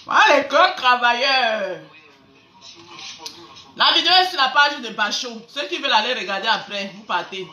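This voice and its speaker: A woman's voice: on the high side, expressive, fast, few pauses, pushed and bright, faint music behind. A woman with a Cameroonian accent hosting a casual live stream, greeting viewers and mocking people with sarcastic, stammering repeats. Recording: echoey room, faint background noise.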